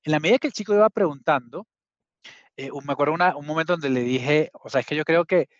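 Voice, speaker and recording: A man in his thirties speaks as an interview guest, earnest and slightly high-voiced, often backing up to restart a phrase. The recording is dull and a little muffled, with a dry sound and no room echo. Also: fast. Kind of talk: conversational storytelling.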